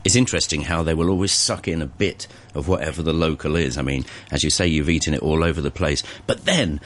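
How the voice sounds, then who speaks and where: A man hosting a morning radio show, chatting and asking quick, curious questions. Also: very deep voice. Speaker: radio host. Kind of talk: radio interview.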